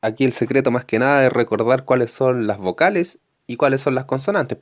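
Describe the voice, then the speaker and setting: Patient Chilean male teacher explaining. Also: mid-range voice. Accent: Chilean Spanish. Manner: patient, explanatory, reads textbook passages aloud. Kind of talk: recorded online lesson for fifth graders.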